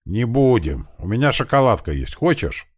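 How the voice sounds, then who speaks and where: A male audiobook narrator voicing a brash male machine gunner who calls out loudly and coaxingly. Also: medium pitch, very animated, normal speed, husky, pitched above the performer's own voice. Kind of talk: audiobook character voice.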